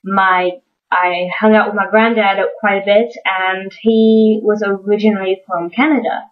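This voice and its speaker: A woman's voice: mid-range voice, little pitch movement, measured pace, phone-quality sound. A young woman from Georgia, with a slight Southern accent, chatting casually to camera in an enthusiastic way, often repeating words. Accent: Georgia, US South, with slight northern tinge. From Georgia, USA. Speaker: vlogger doing an accent tag.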